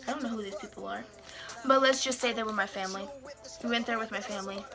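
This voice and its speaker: Sitting in a small bedroom, a teenage vlogger casually reads from her old journal, tossing in amused, self-deprecating remarks. Her voice is a little high and quick, with music underneath.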